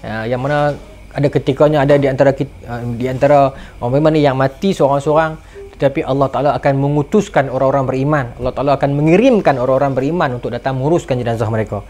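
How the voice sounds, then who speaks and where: Brief: man playing a steady dying old hermit, reassuring and unhurried in his words. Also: medium pitch, voice pushed down, natural voice. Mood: calm reassurance. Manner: calm, reassuring. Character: calm dying old desert ascetic, steadfast.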